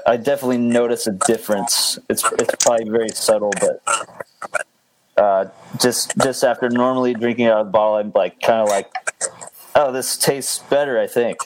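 A man chatting casually on a podcast, relaxed and hesitant with fillers. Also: on the low side, noisy background. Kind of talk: casual chat.

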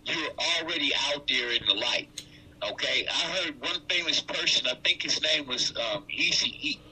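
A man's voice: a little high, normal speed, bright, forceful tone, slight background noise, poor audio. A man in his sixties, a regular on a casual podcast, talking loosely and emphatically over a video call. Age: 60s. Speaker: co-host.

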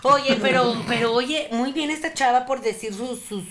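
A woman's voice: high-pitched, moderate pace, a crowd in the background. Chatty woman co-host. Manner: animated, chatty storytelling. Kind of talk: casual chat.

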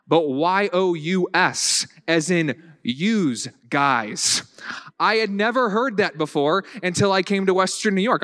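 Southern-accented male pastor, slightly high voice, chatty sermon with restarts and dry humor. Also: a bit bright. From Virginia. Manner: conversational, repeats words and restarts, dry humor.

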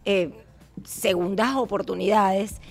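A woman's voice: medium pitch, slow, creaky. A woman hosting a podcast, chatting in a playful, teasing way. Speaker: podcast host. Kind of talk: casual chat.

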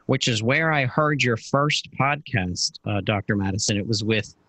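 A man with a somewhat low voice hosts a podcast interview, enthusiastic and a little rambling, with plenty of fillers. The sound is dry and close. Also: normal speed, a bit bright, no room sound, rough recording. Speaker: podcast host. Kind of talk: casual interview.

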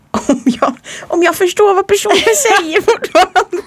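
A woman's voice: very high voice, lively intonation, background noise. A young woman from Norrland with a northern Swedish accent, co-hosting a student radio show in a laid-back way and trailing off into laughs. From Norrland, Sweden. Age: young adult. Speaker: radio co-host. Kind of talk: casual studio chat. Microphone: studio microphone.

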